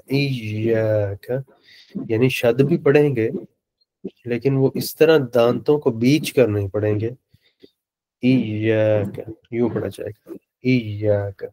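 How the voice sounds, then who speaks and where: A man teaching a beginner Arabic lesson, speaking slowly and patiently and repeating words for his students. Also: medium pitch, dark tone. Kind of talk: online lecture in Urdu.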